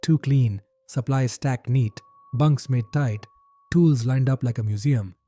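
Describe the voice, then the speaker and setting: A man voicing a tense female biologist who speaks in a hushed, trembling whisper. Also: medium pitch, slow pace. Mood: uneasy. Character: tense female biologist, calm but frightened.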